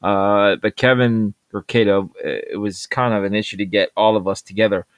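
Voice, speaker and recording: A man hosting a podcast, introducing clips in a halting way with many filler pauses. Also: lowish voice, level tone, smooth, no echo. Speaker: podcast host.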